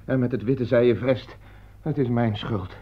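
A troubled middle-aged doctor and father, played by a man in an old radio drama. He speaks gravely and deliberately, in a mid-range voice. The recording is muffled and dull, like a vintage broadcast. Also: medium pitch, lightly acted. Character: worried middle-aged male doctor and father, stern but gentle. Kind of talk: 1950s-style radio drama acting.

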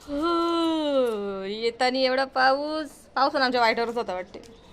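A woman's voice: sits high, measured pace, fairly bright tone, slight background noise. A young woman with a Marathi accent chatting casually in a family vlog, playful and talkative, cooing at cats. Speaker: vlogger. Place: house with family, indoors.

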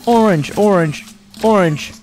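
An amused, jokey man hosting a gaming video, exclaiming and yelling excitably as he comments on the gameplay. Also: high voice, a little slow, over music.

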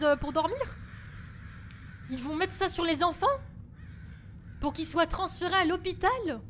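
A woman's voice: very high voice, a bit bright, a little hiss or hum. A woman streaming a horror game, jittery and swearing, who keeps saying she is scared and reads in-game English aloud with a strong French accent. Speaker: gaming streamer. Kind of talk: live horror game commentary.

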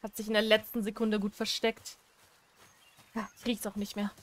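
A young woman giving casual let's play commentary, chatty and excitable, breaking into loud squeals. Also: mid-range voice, moderate pace. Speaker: gaming streamer.

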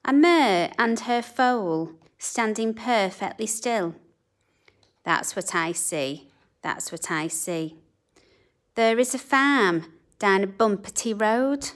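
A woman reading a children's picture book aloud in a slow, sing-song, expressive way. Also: mid-range voice. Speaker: children's storybook reader. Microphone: camera above a book on a table.

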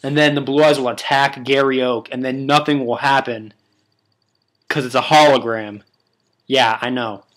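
A man's voice: medium pitch, steady tone, normal speed, a bit bright. A young man hosting a casual video, talking in a crude, rambling, joking way. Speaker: video host. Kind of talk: casual vlog commentary.

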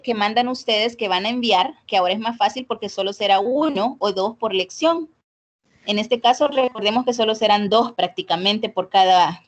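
A woman teaching an online English class over a video call, chatty and full of fillers, checking in with her students. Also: mid-range voice. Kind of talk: casual online class explaining grading. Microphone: computer mic on a video call.

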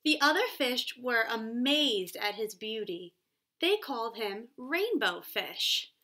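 Young woman teacher doing a read aloud for little kids, highish bright voice, stresses key words. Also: big pitch swings. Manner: clear teacherly emphasis, pauses for questions. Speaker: primary school teacher. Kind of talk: explaining and reading aloud to young children. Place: small room at home, kitchen.

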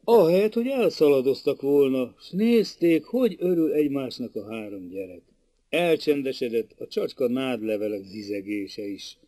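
A man narrating a classic novel as an audiobook in a lively, expressive storytelling manner. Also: mid-range voice, dry recording.

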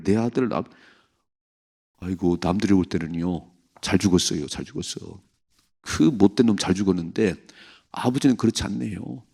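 A man preaches at a dawn prayer service in a low, gravelly, somewhat husky voice. His delivery swings from loud to hushed as he acts out the voices in the story. The tone stays emotional throughout. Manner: acts out voices of parents, David and the devil in quoted lines. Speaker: pastor.

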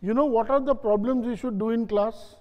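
A man's voice: extremely high pitch, fairly even intonation, brisk, dull audio. A man giving a classroom lecture, repeating key phrases and quizzing his audience. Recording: long hall reverb.

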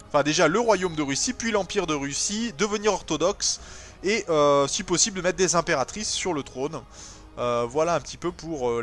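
Brief: male gamer, slightly high voice, casual let's-play chatter, hesitant, then bursts of excitement, soft music underneath. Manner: thinks aloud, hesitant fillers, sudden excited bursts. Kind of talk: casual strategy game commentary.

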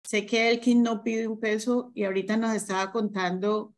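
A woman hosting a video-call meeting, welcoming guests warmly and introducing the next speaker. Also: mid-range voice, flat delivery, normal speed. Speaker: meeting host. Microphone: video call webcam.

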